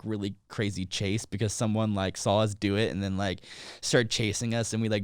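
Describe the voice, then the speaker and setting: A young man co-hosting a podcast, telling a story in casual chat, animated, acting out quotes and swearing. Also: fairly low pitch, smooth, no room sound, studio quality. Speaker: podcast co-host.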